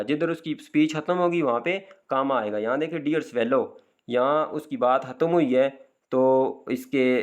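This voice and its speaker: A man explaining an English grammar lesson, slow and careful, reading example sentences deliberately and correcting himself as he goes. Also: mid-range voice. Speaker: teacher.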